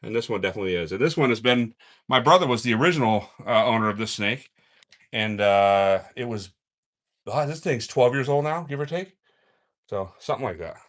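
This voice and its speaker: A man hosting a live snake-feeding stream from an indoor snake room, talking in a relaxed, chatty way as he coaxes the snakes and answers viewers. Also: medium pitch, brisk. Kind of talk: casual live-stream narration. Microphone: handheld phone camera.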